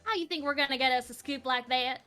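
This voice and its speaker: A woman playing a bossy, gruff news chief. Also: high-pitched, fast talker, bright, forceful tone, soft background music. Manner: bossy, clipped folksy talk.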